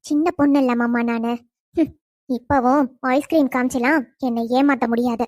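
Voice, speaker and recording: A woman voicing a firm, guarded young woman of marriageable age in a cartoon, soft-spoken but refusing. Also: high voice, steady tone, moderate pace, dry recording, studio quality. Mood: defiant.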